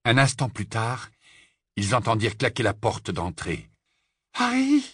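A man narrating an audiobook with a measured, dramatic storytelling delivery. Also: on the low side, bright, forceful tone, breathy edge, dry recording, clean studio sound. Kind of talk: scripted narration.

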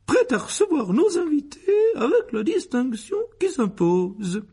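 A man voicing a fussy middle-aged aunt in a shrill, gushing falsetto for an audiobook. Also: very animated, unhurried, creaky, dark tone, husky, heavily acted.

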